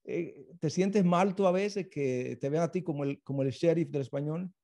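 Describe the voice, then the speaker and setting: A man interviewing his former teacher, speaking respectfully with hesitant restarts. His voice sits a little high and sounds mellow. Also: normal speed. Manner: hesitant, respectful, many fillers.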